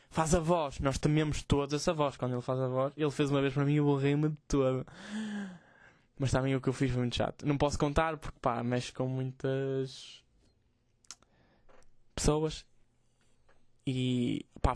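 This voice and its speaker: A man's voice: medium pitch, a little mellow, no room sound, studio quality. A man, hosting a podcast as a rambling, profane, self-mocking comic monologue. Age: 20s. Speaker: podcast host.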